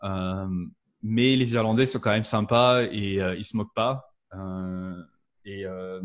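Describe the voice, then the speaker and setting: Man, low voice, halting chat. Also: steady tone. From France. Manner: hesitant, many fillers and restarts. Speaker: podcast guest, marketing strategist. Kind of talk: casual interview chat.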